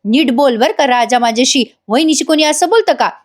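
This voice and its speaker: A woman's voice: high-pitched, animated, brisk. A woman reading the lines of a pert, meddling young village woman. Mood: sassy.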